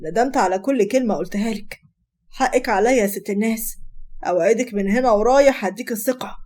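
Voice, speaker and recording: A woman with an Egyptian accent voicing a young husband, speaking lower and apologetic. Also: fast talker, darkish tone, close to an everyday voice. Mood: remorseful. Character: jealous then remorseful young husband.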